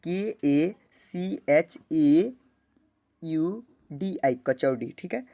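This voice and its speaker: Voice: medium pitch, expressive, drawn-out words, warm tone, no echo. An online English teacher who spells words out letter by letter, keeps asking and answering their own questions, and often checks in with "okay, friends". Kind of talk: slow spelling-out lesson.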